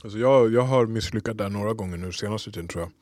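A man's voice: on the low side, dry recording. A young man on a podcast, chatting casually about parenting and acting out little scenes with his kids. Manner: animated storyteller, acts out quotes of his kids. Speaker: podcast co-host. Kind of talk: casual chat.

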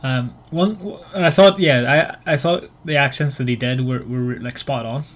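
A Northern Irish podcast host with a medium-pitched voice leads a casual book discussion in his native accent, speaking haltingly and frequently repeating words.

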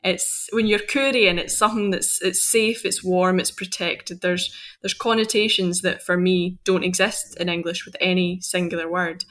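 A Scottish woman in her twenties, a poet speaking as a guest in an animated, expressive interview. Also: lowish voice, moderate pace. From Scotland. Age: 20s. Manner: animated, expressive, lively storytelling. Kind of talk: conversational interview.

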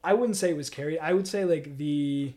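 A man's voice: on the high side, a little fast, dark tone. A young man co-hosting a casual podcast chat, rambling with lots of fillers and acting out little quotes. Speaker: podcast co-host.

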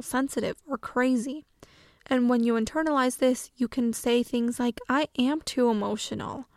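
A woman with a high voice talks through self-help advice in a calm, earnest way. Her delivery is measured and explanatory, and the recording is dry and close. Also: no echo.

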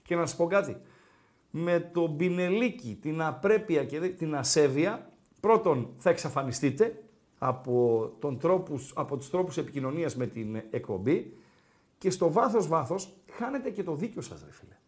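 Man, sports talk co-host, high voice, very lively pitch, storytelling banter. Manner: animated storyteller who acts out dialogue. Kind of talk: casual live-stream banter and anecdotes.

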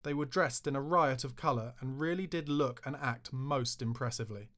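A man's voice: medium pitch, normal speed, a bit bright. A man reading his own memoir aloud in a wry, self-mocking way, bursting into raised outbursts when he quotes himself. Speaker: author narrating his memoir. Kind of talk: memoir audiobook narration.

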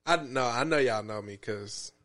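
A man's voice: medium pitch, normal speed, fairly bright tone. Male podcast co-host, thirties, playful slangy banter, teasing tone. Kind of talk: casual banter.

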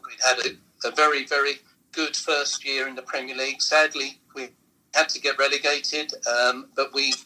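A man's voice: mid-range voice, pushed and bright, rough recording. A man hosting a casual chat, agreeing briefly and then summing up the story.

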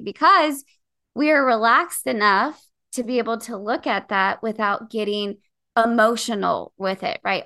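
A woman co-hosting a podcast in casual chat, animated, acting out her own inner thoughts and leaning on "like" as a filler. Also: mid-range voice, creaky. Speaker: podcast co-host.

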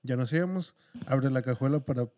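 A young man with a Mexican Spanish accent and a mid-pitched voice. He co-hosts a podcast and tells school stories at an easy pace. He laughs as he recounts them. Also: brisk. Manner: relaxed, laughs while recounting. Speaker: podcast co-host. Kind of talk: casual storytelling chat.

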